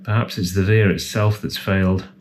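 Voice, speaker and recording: An electronics repair technician presents a repair, a man offering casual, hands-on commentary as he thinks aloud tentatively. His voice is low and steady at a normal speed, with slight background noise.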